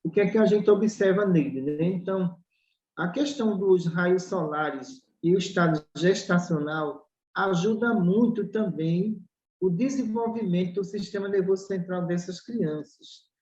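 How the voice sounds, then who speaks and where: Emphatic dark-voiced Brazilian woman, roomy. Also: lowish voice, a little slow. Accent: Brazilian Portuguese. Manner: emphatic, acts out dialogues and fires rhetorical questions. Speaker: spiritual doctor answering questions. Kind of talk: explanatory talk in a spiritual study podcast. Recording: roomy, dull lo-fi recording.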